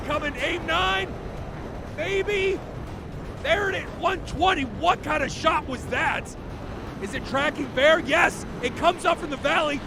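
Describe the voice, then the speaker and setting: A man calling a match live as a caster, quick and excitable, shouting at the big moments. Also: very high voice, gravelly, background noise. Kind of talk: live play-by-play commentary. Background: music.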